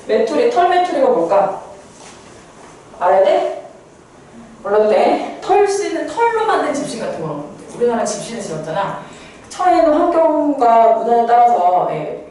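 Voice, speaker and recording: A woman's voice: fairly high pitch, warm tone. A woman teacher giving a poetry lesson, who asks questions and answers them herself. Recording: echoey room, far from mic, faint noise.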